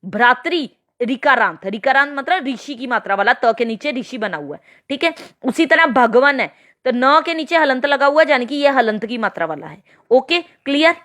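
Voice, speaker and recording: A woman's voice: sits high, expressive, fairly bright tone. A woman teaching a grammar lesson to children, spelling out letters step by step and checking with questions. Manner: slow, spelled-out explanations with frequent checking questions.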